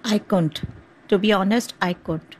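A woman doctor explaining things in an interview, pausing and hesitating as she goes. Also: mid-range voice, a little mellow, slight background noise, rough recording.

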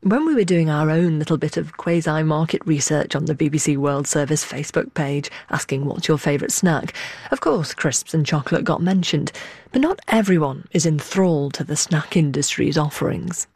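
A woman radio presenter with a low voice, delivering crisp scripted links and questions. She is recorded dry and close in the studio. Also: moderate pace, a little mellow, dry recording. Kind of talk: broadcast presenting.

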